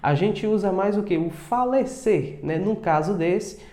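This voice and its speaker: Male online teacher, warm mellow voice, casual and chatty, echoey room. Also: sits high. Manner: chatty, repeats words slowly with many tags like tá and né. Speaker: English teacher. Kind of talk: casual video lesson.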